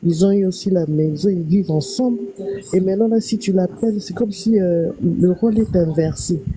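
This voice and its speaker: A woman calling into a live stream who tells her question at length in a steady way. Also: lowish voice, normal speed, slight background noise, low-quality recording. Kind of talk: casual call-in question.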